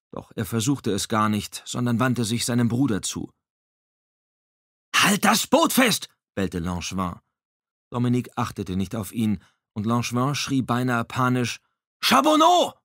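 A man reading an audiobook in a measured, dramatic storytelling manner on a close microphone. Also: lowish voice, no room sound. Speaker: audiobook narrator. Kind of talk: scripted audiobook narration.

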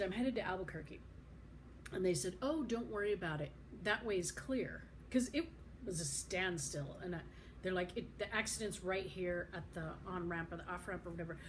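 Middle-aged woman vlogger, chatty and rambling, phone mic in a hotel room with faint background noise. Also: medium pitch. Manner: chatty, rambling, laughs often. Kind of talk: casual travel vlog. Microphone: phone camera at arm's length.

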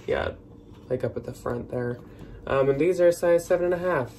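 A man's voice: medium pitch, moderate pace, mellow, a little hiss or hum. A man in his twenties with an American accent, hosting in a casual, chatty vlog style. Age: 20s. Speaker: host. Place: small plain room indoors.

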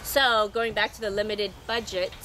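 A middle-aged woman, a sailing travel vlogger, rambles chattily to her viewers in an unscripted monologue to camera. Her mid-range voice is still scratchy from recently losing it, with fairly even intonation and a moderate pace.

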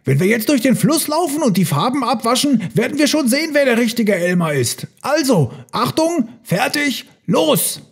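A man reading a storybook aloud, voicing a boisterous herd of jungle elephants in an excited, squeaky voice. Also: moderate pace, exaggerated voice.

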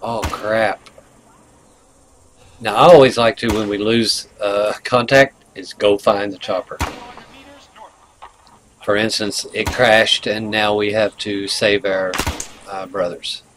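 Low-voiced man narrating game combat. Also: a little slow, slight background noise. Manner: excitable, bursts of sudden alarm. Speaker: gameplay commentator. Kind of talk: casual gameplay commentary. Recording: clicks and gunfire over voice. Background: game gunfire and clicks.

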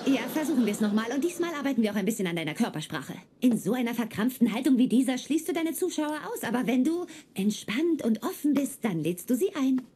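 A bubbly young neighbor. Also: female voice, fairly high pitch, very animated, quick pace, few pauses, dark tone, slightly rough. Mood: friendly. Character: bubbly young woman neighbor, aspiring actress. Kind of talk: dubbed sitcom acting.

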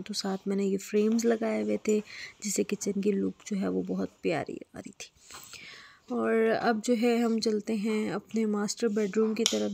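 A woman from Pakistan narrates a tour of her home, filming on a phone as she walks from room to room. Her voice carries a gravelly fry and stays on a fairly even pitch. She talks casually, with plenty of fillers and restarts. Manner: chatty, many fillers and restarts. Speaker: vlogger giving a home tour. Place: apartment rooms indoors. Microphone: phone camera held while walking.

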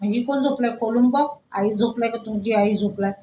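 A young husband, voiced by a woman storyteller, keeps a firm, hushing tone with his wife. The woman's own fairly high voice carries him, with echo around it. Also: fairly quick, slight background noise, lightly acted. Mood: puzzled. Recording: echoey room.

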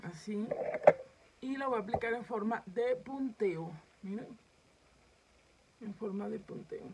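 Chatty woman, slightly high voice. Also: unhurried, heavy background noise. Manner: chatty, addresses viewers directly as "mi gente". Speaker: makeup vlogger. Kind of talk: makeup tutorial demonstration. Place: home setup filming herself.

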